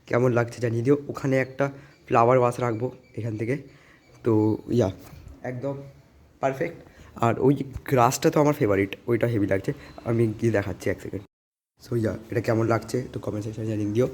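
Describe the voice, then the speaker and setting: A man's voice: medium pitch, steady tone, a little fast, darkish tone. A man chatting casually as a vlogger, showing his home and scattering English fillers as he rambles. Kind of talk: casual vlog chat. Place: walking around his home.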